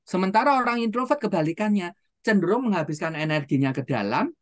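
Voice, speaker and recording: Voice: mid-range voice, expressive, quick pace, dry recording, clean studio sound. A seminar trainer telling anecdotes, asking the audience rhetorical questions and tagging phrases with casual asides. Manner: storytelling, with frequent rhetorical questions and "gitu ya" tags. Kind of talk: motivational seminar talk.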